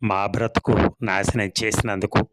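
A man reading a storybook serial, voicing a bitter, resentful young woman who gives curt, sharp replies. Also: fairly low pitch, little pitch movement, measured pace, no echo.

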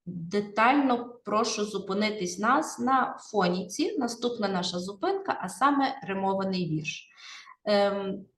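A woman's voice: mid-range voice, lively intonation, unhurried. A woman literature teacher with a Ukrainian accent, explaining a poem to her pupils and often checking that they follow along. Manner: explanatory, addressing pupils with frequent "так?" checks. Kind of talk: classroom poetry analysis lesson. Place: classroom. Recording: echoey classroom, from far off.

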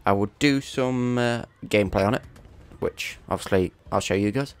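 Here a young man's smooth, lowish voice moves at a moderate pace as he commentates his gameplay for YouTube. Congested from a cold, he chats and rambles casually, swearing at opponents from time to time.

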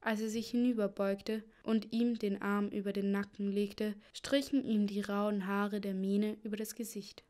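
Woman reading a storybook, steady and flat. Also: mid-range voice, measured pace, hardly any pauses. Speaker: audiobook narrator. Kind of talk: scripted storybook narration.

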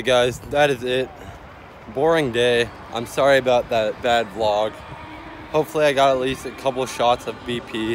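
A young man talking casually into a phone camera held at arm's length, outdoors at a ballpark, in a chatty, hurried way. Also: medium pitch, noisy background. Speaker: vlogger. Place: outdoors at a ballpark and its parking lot.

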